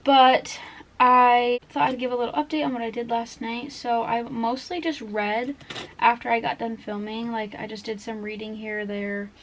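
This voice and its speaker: A woman's voice: on the high side, steady tone, normal speed, fairly bright tone, a little hiss or hum. A nineteen-year-old woman vlogging casually at home about her reading, chatty and full of "like" and "literally". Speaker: book vlogger. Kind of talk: casual vlog chat. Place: at home, indoors.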